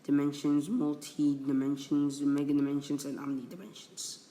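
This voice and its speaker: His pitch is on the high side and his tone mellow, with a flat delivery. He's a young video creator from Indonesia, speaking English as he loosely explains wiki content in a screen-recorded explainer, pausing, restarting and apologizing often.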